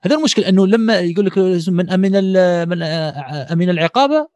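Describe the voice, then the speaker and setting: A man with an Algerian accent making his points in an animated, argumentative casual discussion, piling up everyday examples. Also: sits high, fast, dry recording. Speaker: discussion participant.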